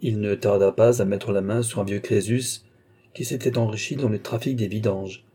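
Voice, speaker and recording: A man giving a measured, even literary audiobook narration. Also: fairly low pitch, husky. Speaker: audiobook reader.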